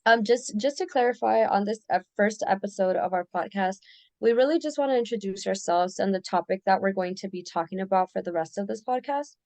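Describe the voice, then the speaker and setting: A woman's voice: medium pitch, a little fast, a little mellow, no echo. A young woman from the United States hosting a casual student podcast, talking with some hesitation and restarts.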